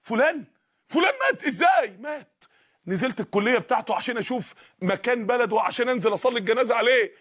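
A man with an Egyptian accent preaching an emotional sermon, rising to shouts and dropping to hushed pleas. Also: very high voice, racing, breathy edge. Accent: Egyptian Arabic. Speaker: Islamic preacher.

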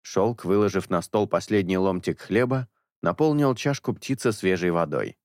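A man narrating an audiobook in a measured, expressive storytelling manner. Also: sits low, no room sound, clean studio sound.

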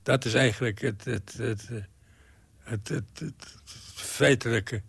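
A man in his nineties giving an interview, halting and repeating words as he searches for them. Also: mid-range voice, vocal fry, a bit bright, husky, no echo. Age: 90s.

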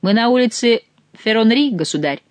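A reader voicing a gruff, ever-grumbling male soldier who scolds bluntly and swears oaths. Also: mid-range voice, animated, normal speed, no room sound, pitched above the performer's own voice, close to an everyday voice. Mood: scolding.

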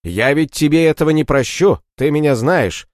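A man's voice: a little high, animated, normal speed, dry recording, clean studio sound, pitched above the performer's own voice, close to an everyday voice. A man voicing a hot-tempered, rather dim male warrior leader who barks orders in an audiobook story. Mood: angry. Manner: shouting, bossy.

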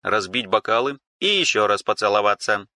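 A man's voice: lowish voice, animated, normal speed, sharp tone, heavily acted. A man voicing a female ship AI in an audiobook, dry, formal and sarcastic. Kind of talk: audiobook character reading.

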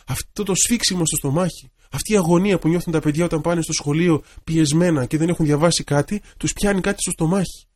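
A man, an Orthodox priest, giving a radio sermon in a gentle, reflective storytelling manner. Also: fairly high pitch.

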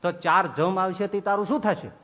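Firm scolding holy master, a bit high pitched, the way a man preaching does him. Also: fairly quick, fairly bright tone. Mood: stern. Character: stern divine master scolding a devotee.

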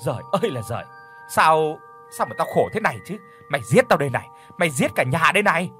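A man voicing an older village mother who scolds her daughter with loud, wailing curses. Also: fairly high pitch, sing-song, quick pace, faint music behind, voice pushed up. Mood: furious wailing. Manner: wailing, cursing outbursts.

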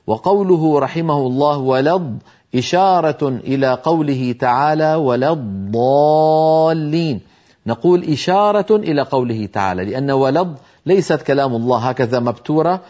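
A man teaching Quran recitation in a televised lesson, explaining carefully and slowly demonstrating how words are pronounced. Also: mid-range voice, darkish tone, highs cut off.

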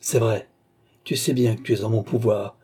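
A man reading aloud as a furious young nobleman, accusing and raging, sometimes shouting, dark husky tone, audiobook. His voice sits at an ordinary pitch but climbs sharply when he lashes out. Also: a little slow. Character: furious young male nobleman seeking revenge.

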